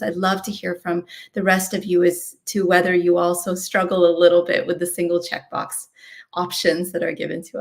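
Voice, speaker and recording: A woman from Canada speaking on a panel discussion in a reflective, measured way. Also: fairly low pitch.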